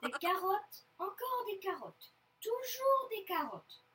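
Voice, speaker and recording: Woman doing a whiny wolf cub boy, high voice, slow, storybook, a bit off-mic. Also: distant mic. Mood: grumbling. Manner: whiny, excited. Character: eager hungry little wolf cub boy.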